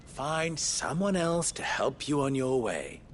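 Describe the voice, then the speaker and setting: A man's voice: mid-range voice, very animated, slight background noise. A man playing a smug, swaggering young merchant in a mocking, pompous, theatrical period fantasy drama style. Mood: taunting, gloating. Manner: mocking, pompous, drawn-out delivery.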